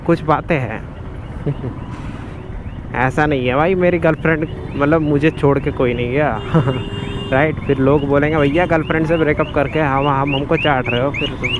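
A young man with a slightly high, steady voice chats at a moderate pace while riding a motorbike on a road. This casual motovlog talk, mixed with English words and frequent laughter, comes through a helmet mic amid wind and traffic noise.

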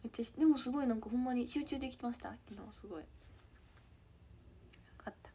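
A teenage girl with a Kansai accent chatting casually with fans on a live stream, giggly and trailing into soft murmurs. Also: fairly high pitch, fast talker, breathy edge. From Hyogo, Japan. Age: teens. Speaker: idol trainee streaming to fans.

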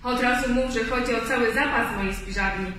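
A woman's voice: a little high, brisk, fairly bright tone, very echoey, recorded from a distance, slight background noise, lightly acted. A woman reading aloud, voicing a fussy, tidy male rabbit who exclaims in exasperation. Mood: exasperated. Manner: exclaiming, put-upon.

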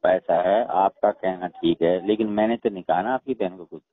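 In a low voice at a moderate pace, a middle-aged father-in-law with a Haryanvi accent argues insistently on a recorded telephone call. The family dispute runs heated, and he keeps repeating himself to be heard.

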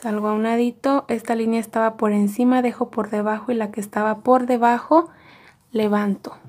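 A woman teaching embroidery step by step in a calm, methodical way. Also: fairly high pitch, normal speed. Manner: calm, methodical, repeating each stitch step. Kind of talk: step-by-step craft tutorial.

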